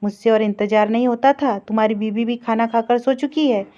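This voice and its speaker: Woman reading a sad story, steady tone, kinda high voice, muffled audio. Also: a little fast. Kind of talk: scripted story narration. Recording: dull lo-fi recording.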